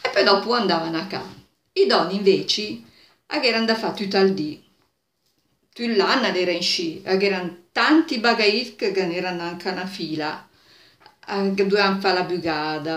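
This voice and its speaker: Casting: woman over sixty, Milanese dialect storyteller, expressive delivery, mid-pitched voice, roomy sound. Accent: Milanese Italian dialect. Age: 60s or older. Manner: expressive, acts out characters' exclamations. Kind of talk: animated folk storytelling in dialect. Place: small bare indoor room. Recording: roomy, echoey indoor sound.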